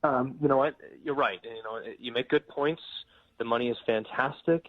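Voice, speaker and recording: Speaking at normal speed in a medium-pitched voice, a temp worker handles a casual phone call politely and hesitantly, stammering now and then. The recording is dry, and the line comes through muffled.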